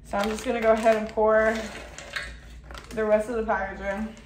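A young woman talking casually through a cooking tutorial in her apartment kitchen, excitable and chatty, full of "like" and "oh my God," picked up by a camera mic across the room. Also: on the high side, moderate pace. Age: young adult. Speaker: cooking vlogger. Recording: echoey room, faint noise.

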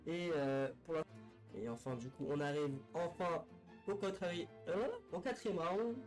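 A man's voice: a little high, measured pace, low-quality recording. A man telling a sports history story in a casual, unscripted way, with a lot of fillers and restarts. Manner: hesitant, full of fillers and restarts. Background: faint music.

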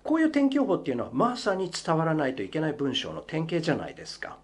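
A man's voice: a little high, huge pitch swings, quick pace. A man hosting a radio show in a studio, explaining English pronunciation in a chatty, emphatic way and speaking straight to his listeners. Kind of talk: radio talk explaining language learning.

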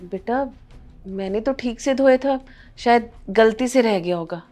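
A woman's voice: fairly high pitch, measured pace, lightly acted. A woman playing a meek older mother-in-law. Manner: soft-spoken, meek, turns lecturing when moved. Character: gentle older mother-in-law, patient and long-suffering. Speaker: actor in a short film. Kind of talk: Hindi family short film acting.

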